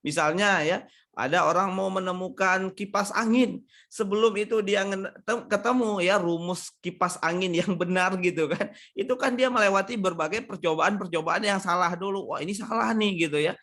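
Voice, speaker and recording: At a moderate pace, a man from Sumatra responds to audience questions during a relaxed live online seminar on marriage. His voice is a little high for a man, and he speaks conversationally, often wrapping up his points with tag questions.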